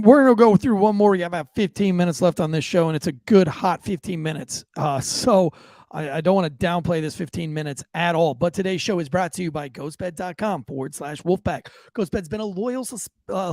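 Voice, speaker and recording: Joking and swearing through casual banter, this man co-hosts a podcast and reads a sponsor ad that he restarts many times. His high voice is a little mellow and moves at a moderate pace, captured in a dry recording.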